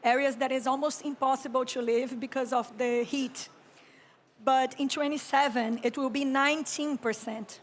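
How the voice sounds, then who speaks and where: On a conference stage, a Brazilian architect and urban planner in her thirties gives a keynote in English with a Brazilian Portuguese accent. Her voice is high, and she speaks slowly, calmly and reflectively, frequently clearing her throat.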